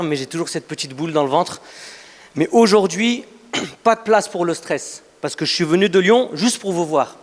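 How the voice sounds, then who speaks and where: On stage in a large event hall, a man from Afghanistan in his thirties delivers a motivational startup pitch. He's emphatic and repeats phrases for effect as he tells a story. The hall is echoey with long reverb.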